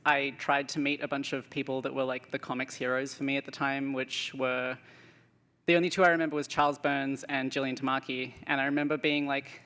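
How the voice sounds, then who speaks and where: A man's voice: mid-range voice, little pitch movement, a little fast, pushed and bright. A man not from Canada giving a nervous, chatty acceptance speech full of fillers. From outside Canada. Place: banquet hall. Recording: reverberant hall.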